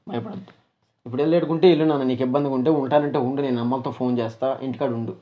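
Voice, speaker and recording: Fast-talking brotherly man. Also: mid-range voice, fairly even intonation, highs cut off. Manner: brotherly, firm, scolding then consoling. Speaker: host. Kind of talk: casual chat.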